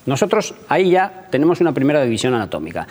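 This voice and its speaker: Man, medical guest expert, didactic, lively pitch. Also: fast. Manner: didactic, explains step by step. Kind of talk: explanatory talk.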